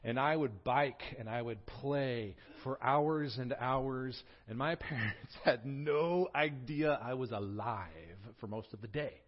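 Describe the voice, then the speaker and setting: A pastor in his forties from Southern California, who prays quietly and then preaches in a lively storytelling way with touches of humor. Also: mid-range voice, slow pace, few pauses, highs cut off. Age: 40s. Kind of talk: sermon.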